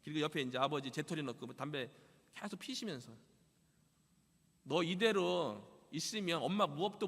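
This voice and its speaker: A man's voice: on the high side, vocal fry, bright, forceful tone. A man, a pastor, giving an emotional testimony sermon and acting out his parents' words as he tells the story. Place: church sanctuary. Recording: long church hall reverb.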